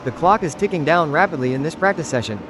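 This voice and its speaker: A man voicing a lead motorsport commentator in a racing game, giving steady play-by-play updates. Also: on the high side, quick pace, noisy background, natural voice. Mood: matter-of-fact. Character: male motorsport lead commentator, brisk and measured. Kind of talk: scripted race commentary. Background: game music.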